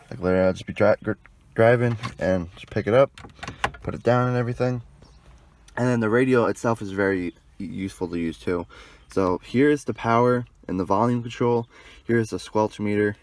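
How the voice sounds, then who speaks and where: A young adult man with a low-pitched voice vlogs a casual, rambling, hands-on walkthrough of installing a car radio, swearing mildly as he goes. He's outdoors in and around a parked car, with slight background noise in the recording.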